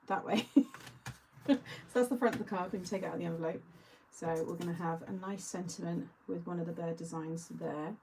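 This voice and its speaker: A woman's voice: on the low side, fairly even intonation, fairly quick, a little mellow, slight background noise, low-quality recording. A woman hosting a live craft-along, chatting casually and answering viewer comments as she works. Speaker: craft show host.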